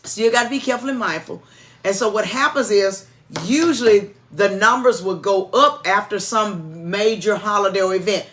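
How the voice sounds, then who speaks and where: A woman's voice: mid-range voice, a bit bright. Folksy woman, church co-host. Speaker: church music director and co-host. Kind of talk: informal announcements and chat.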